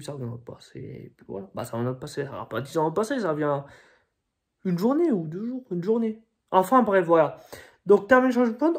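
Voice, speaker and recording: A man's voice: sits high, a little mellow. A young man chatting casually in a vlog, rambling along with frequent hesitations and restarts. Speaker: vlogger.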